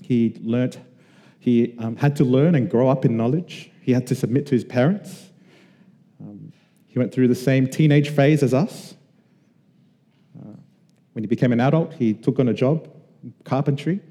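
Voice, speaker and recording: Dark-voiced man preaching in a reverberant hall. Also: mid-range voice. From Australia. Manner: earnest, conversational preaching with emphatic pauses. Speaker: pastor. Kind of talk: sermon.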